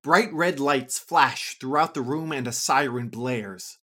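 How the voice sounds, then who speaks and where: A storyteller reading a scripted adventure story for children, with an expressive, lively delivery. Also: slow pace. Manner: lively, expressive reading with a wide pitch range.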